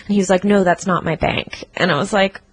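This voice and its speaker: A woman's voice: lowish voice, a little fast, slightly rough, no echo, poor audio. A woman co-hosting a podcast, telling a work story in casual chat, acting out the people she quotes and laughing often. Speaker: podcast co-host. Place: apartment.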